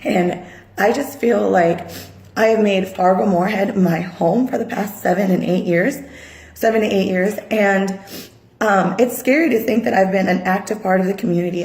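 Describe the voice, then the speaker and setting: Upset woman with a gravelly voice. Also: mid-range voice, steady tone, a little mellow. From Sri Lanka. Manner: earnest, halting, with many pauses and fillers. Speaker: mother speaking out in a video. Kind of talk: personal video appeal. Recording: echoey room.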